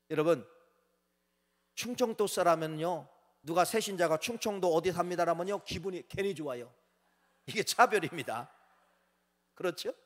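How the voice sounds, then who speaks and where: A male pastor preaching a sermon to his congregation, animated and direct, swinging between raised declarations and quiet asides. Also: high voice. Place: church sanctuary. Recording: church sanctuary with long reverb.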